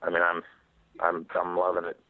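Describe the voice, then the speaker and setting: A man, a professional fighter, answering media questions on a phone conference call in a casual, halting, rambling way. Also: sits low, monotone. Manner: rambling, halting, repeats phrases. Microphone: telephone. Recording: tinny, narrow phone conference line.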